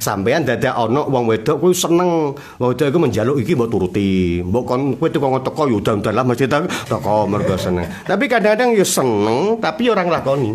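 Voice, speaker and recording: A man, a cleric giving a humorous sermon lesson and acting out the voices in his stories. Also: medium pitch. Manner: animated storytelling, acting out dialogue, frequent laughter from listeners. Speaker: Islamic cleric teaching a religious text. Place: religious study gathering.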